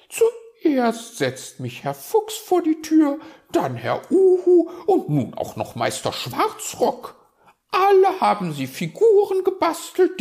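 A fussy magpie lady from a children's audio story. She chatters shrill and high, fluttering up and down in pitch. She sounds flustered and quick to take offence. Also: a little mellow, heavily acted. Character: fussy, nosy female magpie.

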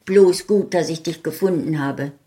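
A woman voicing an exasperated grown son in a short story, loud, brisk and reproachful. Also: sits low, natural voice.

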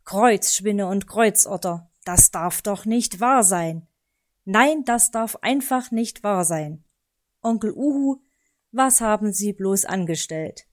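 A woman voicing a lively, excitable male fox who flares up quickly. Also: mid-range voice, lightly acted. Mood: excited.

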